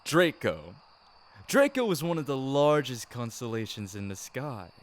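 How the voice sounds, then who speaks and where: Unhurried and mid-range, this voice moves through big pitch swings as an amateur performer plays a loving, teasing boyfriend in an ASMR roleplay. The recording is clearly noisy, with ambience behind his affectionate words.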